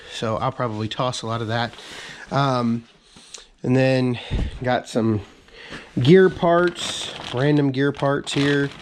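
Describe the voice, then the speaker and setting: With noise audible in the background, a channel host chats through a relaxed update video from his cluttered workshop. His voice sits at a medium pitch, roughened slightly by a cold, and his speech wanders with many fillers and restarts.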